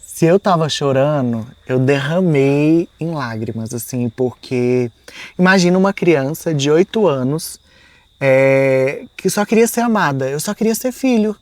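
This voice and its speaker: A man with a fairly high voice tells a deeply personal story as a podcast guest, his sentences softening and trailing off between fillers. He slips into quoting his own past words. The sound is close and dry, as in a studio. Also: expressive, measured pace, no room sound. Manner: soft-spoken, often trailing off, fillers like "assim" and "né".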